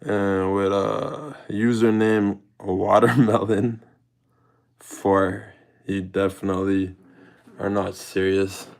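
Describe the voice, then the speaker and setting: Slow and creaky, this young IRL streamer's low voice holds a level tone as he talks to his chat out in public. Of mixed Jamaican and British background, he keeps things laid-back and thanks viewers by name.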